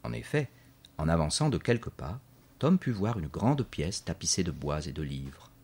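A man reading a children's story aloud in a measured, clear narration. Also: low-pitched, lively intonation, darkish tone.

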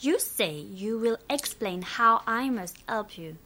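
A woman playing a shy young girl who speaks careful, slow English like a learner. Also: fairly high pitch, lively intonation, bright, forceful tone, exaggerated voice.

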